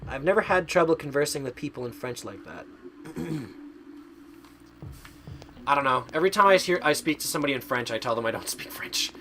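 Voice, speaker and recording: A man's voice: on the high side, animated, a little fast, long pauses, bright, forceful tone, soft background music. A man from Canada doing live game stream commentary, chatting away and playfully arguing with his chat as he reads it aloud.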